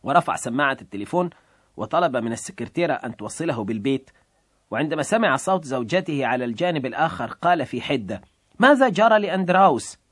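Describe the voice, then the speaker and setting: A man's voice: medium pitch, expressive, quick pace, fairly bright tone, breathy edge, no room sound. Earnest male story narrator, dry sound.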